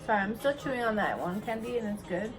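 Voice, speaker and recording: A young woman tasting snacks with friends, chatting casually and swearing often with loud exclamations. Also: fairly high pitch, fast talker. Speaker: snack taster. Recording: background music.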